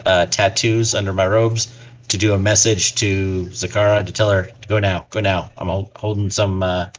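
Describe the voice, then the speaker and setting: A man's voice: low-pitched, little pitch movement, moderate pace, a little hiss or hum. A man playing in an online tabletop game, talking casually and joking playfully with the others. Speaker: player.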